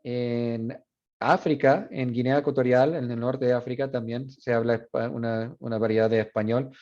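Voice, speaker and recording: Male spanish teacher lecturing, lots of uh and eh, mellow voice, muffled lo-fi recording. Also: medium pitch, fairly even intonation. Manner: switches between Spanish and English, halting with many fillers. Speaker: university Spanish instructor. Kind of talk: classroom lecture.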